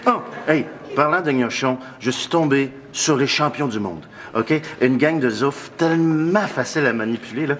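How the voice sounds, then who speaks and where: A man's voice: medium pitch, normal speed, hardly any pauses, fairly bright tone, close to an everyday voice. An actor playing Rich, a smug con man with a Québécois accent who sneers at everyone. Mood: sneering. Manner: sneering, scornful.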